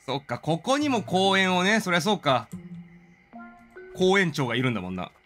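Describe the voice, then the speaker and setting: Talking to the game and reacting out loud as he plays, a streamer gives casual commentary with dramatic line readings. His high voice is a bit bright and very animated at a normal speed, and faint music sits behind him.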